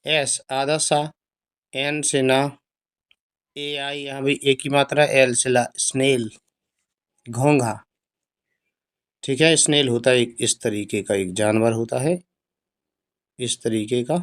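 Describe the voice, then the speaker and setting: Speaking at an ordinary middle pitch with little pitch movement, this Hindi-accented English teacher moves very slowly through phonics. Each word is spelled out letter by letter, then patiently repeated along with what it means.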